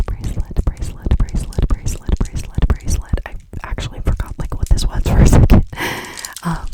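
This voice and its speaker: A fast, whispered ASMR ramble in a casual, chatty manner, with words and phrases repeated over and over in quick runs. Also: poor audio. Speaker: ASMR creator.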